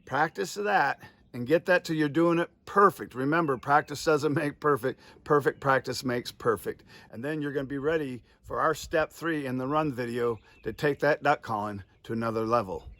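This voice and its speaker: A man hosts a practical how-to lesson in a mid-pitched voice. He explains technique step by step, repeating key points with emphasis like a coach. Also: moderate pace, few pauses, a bit bright. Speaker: duck-calling instructor and host. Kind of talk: instructional demonstration, step-by-step explanation.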